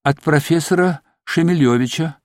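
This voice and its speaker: A man voicing a frightened arrested doctor who pleads and breaks into hysterical shouts, read as an audiobook. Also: a little high, normal speed, no room sound, studio quality, natural voice. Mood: pleading. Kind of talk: audiobook reading.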